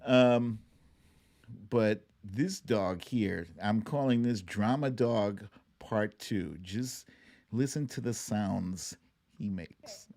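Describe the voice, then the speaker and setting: A livestream host commenting casually on clips in a playful, expressive way, with silly exclamations. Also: medium pitch, takes it slowly.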